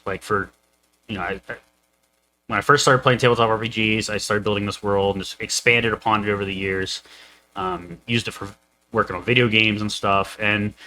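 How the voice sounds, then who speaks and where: A man's voice: fairly low pitch, pushed and bright, rough recording. A young man co-hosting a casual podcast chat, rambling with lots of fillers and restarts. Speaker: co-host, game master.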